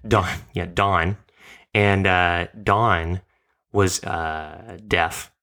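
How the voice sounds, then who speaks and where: A man's voice: sits low, fairly even intonation, extremely slow, bright, forceful tone. A man hosting a podcast in casual chat, rambling through stories and tangents. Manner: rambling storyteller who drifts into tangents. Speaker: podcast host.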